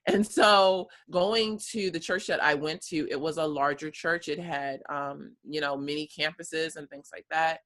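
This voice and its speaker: An American woman in her thirties, appearing as a guest, tells her story in casual conversation with lots of fillers and easy laughter. Her voice is deep and a bit bright, and she talks a little slowly with few pauses.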